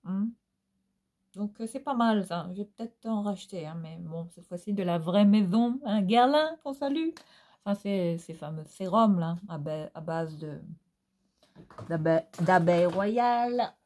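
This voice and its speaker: Woman with a Réunionese Creole accent, sing-song, chatty, filler-heavy, beauty vlog at home, mid-pitched. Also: normal speed, darkish tone. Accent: Réunionese Creole French. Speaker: beauty vlogger. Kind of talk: casual product review chat. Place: at home, indoors.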